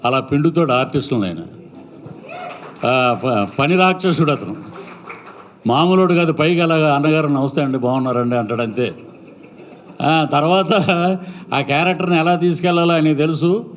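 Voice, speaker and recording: A middle-aged man, his voice sitting a touch high, talks from a stage at a film event. He rambles warmly from one name to the next and slips into short acted-out bits of dialogue. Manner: rambling, praising, acts out dialogue lines. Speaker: actor speaking at a film event. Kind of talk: stage speech at a pre-release event.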